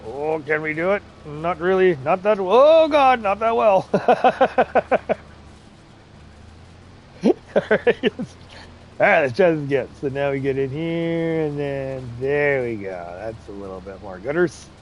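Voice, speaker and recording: A man with a slightly high voice takes his time speaking, with slight background noise behind him. He runs a casual farming game livestream, chatting, laughing frequently, and reading the chat aloud. He comes from English, Irish, Scottish, Ukrainian and Romanian heritage.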